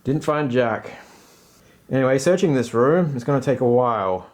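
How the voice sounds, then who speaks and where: A man's voice: medium pitch, expressive, moderate pace, darkish tone. A man giving casual running commentary as he plays a tabletop game alone, with slangy, self-deprecating asides. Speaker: host and player of a solo tabletop game.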